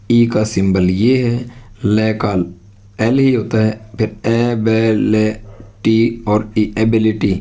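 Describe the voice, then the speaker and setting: A man's voice: fairly low pitch, mellow. A man teaching an exam-prep English lesson, explaining step by step and repeating his own questions.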